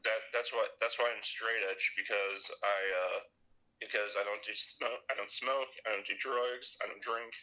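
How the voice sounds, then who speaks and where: A man in his twenties from Illinois, a podcast guest talking in a halting way with many restarts. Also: on the low side, fairly even intonation, pushed and bright, poor audio. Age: 20s. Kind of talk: casual chat.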